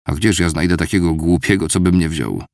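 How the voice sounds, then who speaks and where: A man's voice: low-pitched, a little fast, gravelly, a little mellow, no room sound, studio quality. A man voicing a tearful, self-pitying older aunt with a whining, lamenting manner.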